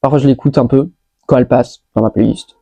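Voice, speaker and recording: A woman's voice: rumbling low, fairly even intonation, a little fast, dark tone, slightly rough, no echo, highs cut off. A woman vlogger chatting casually through a monthly roundup, scattered and full of fillers, dropping English words as she goes. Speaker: lifestyle vlogger. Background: faint music playing.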